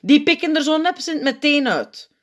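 A woman puts on a bossy head elf who barks his orders in a raised, lively voice that keeps jumping around. He is stern and short-tempered, an audiobook leader who commands the room. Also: fairly high pitch, normal speed, voice pushed up. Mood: irritated. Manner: loud, commanding, irritable. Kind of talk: audiobook character reading.

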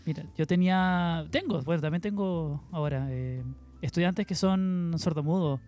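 A man's voice: on the high side, normal speed, darkish tone, soft background music. A man, a physics teacher, chatting casually and agreeably, often chiming in. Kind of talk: casual chat.

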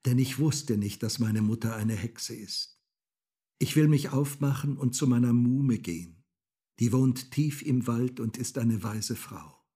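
A man's voice: mid-range voice, a little slow, dark tone, husky, pitched above the performer's own voice. A man voicing a remorseful young girl in a fairy tale, pleading earnestly.

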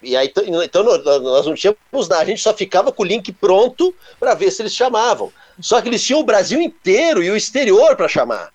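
A man, co-hosting a casual show and telling stories in an animated way with sound-effect words. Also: high-pitched, quick pace, few pauses. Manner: animated, onomatopoeic storytelling. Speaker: co-host. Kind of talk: casual storytelling chat.

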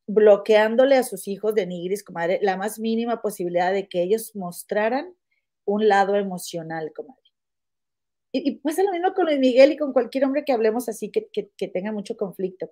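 A woman hosting a casual gossip podcast, chatty and animated, often calling her listener "comadre". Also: mid-range voice. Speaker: podcast host.

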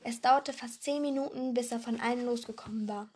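A woman's voice: a little high, steady tone, fairly quick, darkish tone, breathy edge. A woman reading a novel aloud, voicing the characters and restarting words she trips over. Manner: acts character lines, stumbles and restarts words. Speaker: reader.

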